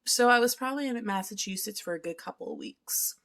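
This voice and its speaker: A woman's voice: mid-range voice, brisk, creaky, fairly bright tone. A thirty-year-old woman vlogging in a chatty, candid way, swearing freely and eating while she talks at home. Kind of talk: casual confessional vlog.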